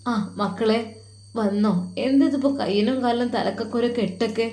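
A woman's voice: on the high side, fairly quick, dark tone, roomy sound, lightly acted. A woman voicing an elderly mother who tenderly fusses over an injured young man. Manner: tender, fussing. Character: old woman, loving doting mother.

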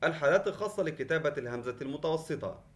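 A man's voice: fairly high pitch, animated, rapid-fire. A man teaching an online class lesson, patient, explaining step by step and repeating key points. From Qatar. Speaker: Arabic teacher.

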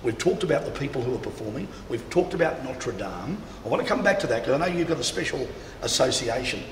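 Inside a large cathedral, a man presents and interviews on camera, chatting promotionally and speaking straight to viewers. His mid-range voice is fast with lively intonation, and the room's long reverb echoes over faint background noise.

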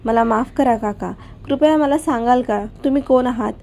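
A woman's voice: fairly high pitch, normal speed, vocal fry, dark tone. A woman voicing a polite, confused young woman meeting strangers at her gate. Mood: puzzled.

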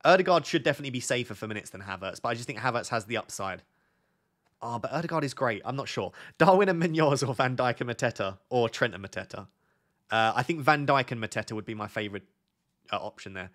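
A fantasy football streamer in his thirties, losing his voice to a sore throat, talks from a desk in his indoor home studio. His medium-pitched voice stays animated even as he speaks quieter and slower. He reads viewer questions from the live stream chat and thinks aloud.

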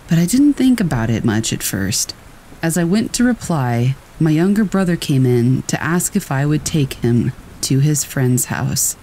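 A narrator reading first-person horror stories aloud in a steady storytelling manner. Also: mid-range voice, a little hiss or hum, poor audio.

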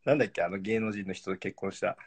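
A man's voice: sits low, steady tone, quick pace, slight background noise. A man, chatting casually on a live stream and laughing often. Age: 40s. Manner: laid-back, laughs often, joking. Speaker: pro footballer, live-stream guest.

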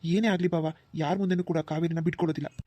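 Cartoon role: a man doing an earnest, respectful young groom, fairly high voice. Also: steady tone, fast talker, background noise, lightly acted.

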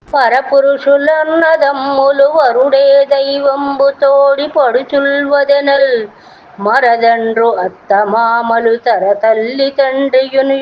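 Woman, fairly high voice, slow chanted verses, plain explanations, dull lo-fi audio, faint hiss. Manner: slow sing-song recitation of verses, then plain explanation. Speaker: poetry explainer. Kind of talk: reciting and explaining classical verses.

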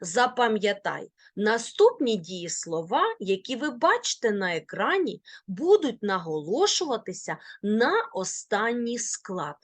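Woman teacher, slow and deliberate, lively sing-song delivery, dry close mic. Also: medium pitch, no room sound. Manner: slow, clear pronunciation of example words. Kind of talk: video lesson.

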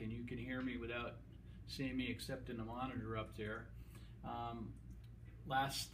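A man's voice: mid-range voice, background noise. A middle-aged man working as a clinician gives a demonstration lesson in his clinic room and directs the camera operator as he goes. He is recorded on a camera mic a few feet away.

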